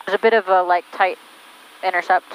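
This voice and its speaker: Over an aviation headset intercom, a woman pilot flying an instrument approach in a small airplane gives clipped, checklist-like radio calls and talks herself through the landing. Her voice is fairly low and steady, quick and smooth, with the high frequencies cut off by the headset's radio effect.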